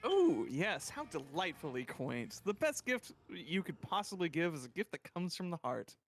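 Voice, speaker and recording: Brief: haughty, fashionable game reaper, played by a man, theatrical sass, lively pitch, slightly high. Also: normal speed, soft background music. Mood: grandly affected. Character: sassy, vain, fashionable socialite reaper.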